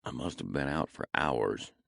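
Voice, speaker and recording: A man's voice: sits low, expressive, unhurried, gravelly, no echo, studio quality, pitched above the performer's own voice, full character voice. A man voicing a wary, tough male criminal on the run who mutters to himself. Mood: muttered.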